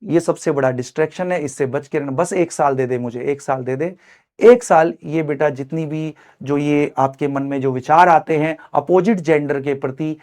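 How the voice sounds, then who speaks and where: A middle-aged man teaching an online chemistry class, fatherly and animated, swinging from loud urging to quiet earnest advice and mixing English phrases into his speech. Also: on the high side. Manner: mixes English phrases into his speech, calls students son. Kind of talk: live online lecture pep talk.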